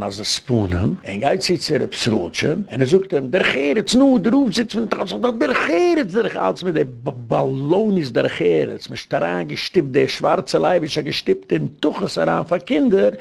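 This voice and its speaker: Gravelly older man with a Yiddish accent. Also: mid-range voice, a little mellow. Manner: rambling anecdotal storytelling with English phrases mixed in. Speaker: rabbi giving a lecture. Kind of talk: storytelling lecture.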